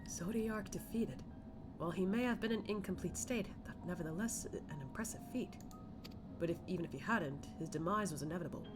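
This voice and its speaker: A woman voicing an earnest, measured fantasy scholar with stately archaic phrasing, reading game dialogue aloud. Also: fairly low pitch, lightly acted, rough recording. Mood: grave, pondering. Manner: stately, old-fashioned phrasing. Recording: loud game music behind.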